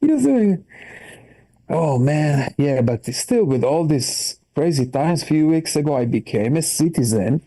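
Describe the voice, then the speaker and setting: An Israeli stand-up comedian with a dark voice performs a set over a video call at a measured pace. He's animated, leaps high in pitch for punchlines, and phrases things in broken English.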